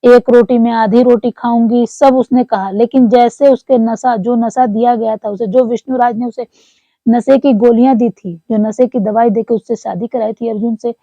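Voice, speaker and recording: A woman's voice: a little high, fairly even intonation, normal speed, warm tone, no room sound, highs cut off. A woman recounting a story to her viewers in earnest, repetitive commentary, often calling them friends. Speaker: commentator on online creators.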